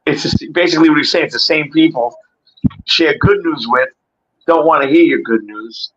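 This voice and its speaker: A man in his sixties with a slightly high voice talks loosely and profanely, full of bro and dude. It is unscripted livestream chat in streetwise style, heard through dull audio with noise behind it. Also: moderate pace. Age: 60s. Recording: dull lo-fi stream audio, clear background noise.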